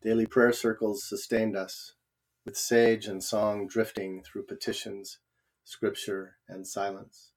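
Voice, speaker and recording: A man reading a personal memoir aloud in a calm, reflective way, his voice softening at the end of each phrase. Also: on the low side, takes it slowly. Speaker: narrator.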